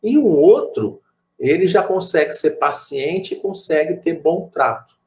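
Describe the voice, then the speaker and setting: A man's voice: a little high, lively intonation, measured pace, a little mellow. A middle-aged man with a Rio de Janeiro accent leading a spiritist study group, telling stories with many asides and repeated phrases. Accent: Rio de Janeiro Portuguese. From Brazil. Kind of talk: conversational group study talk.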